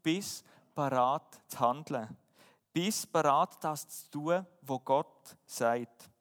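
A man's voice: a little high, long reverb tail. A man preaching a sermon, earnest and emphatic, often asking rhetorical questions.

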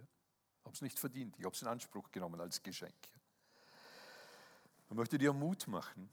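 A man's voice: on the low side, husky. A man preaching a sermon in an earnest manner, often checking in with listeners with a questioning "ja?". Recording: reverberant hall.

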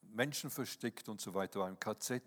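A man's voice: lowish voice, brisk, fairly bright tone. Earnest male preacher in a reverberant hall. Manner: earnest, often adds a questioning "ja?" to address listeners. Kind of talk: sermon.

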